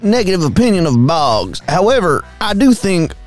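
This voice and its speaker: A young man co-hosting a comedy podcast who cuts in with dry one-liners. His voice swings widely in pitch, with faint music underneath. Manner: quick deadpan quips, laughs a lot. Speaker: podcast co-host. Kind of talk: casual comedic chat.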